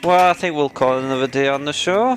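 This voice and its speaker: A man's voice: a little high, quick pace, soft background music. A man co-hosting a casual gaming chat show, ranting sarcastically and getting worked up about his topic. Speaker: podcast co-host.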